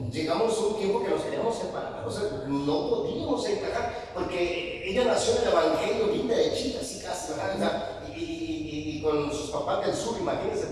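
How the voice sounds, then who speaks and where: A man preaching a sermon to his congregation, talking animatedly and calling them brothers. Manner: animated, addresses congregation as brothers, rising emphatic pitch. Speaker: pastor and psychologist. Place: church hall. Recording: echoey hall, voice from far off, faint room noise.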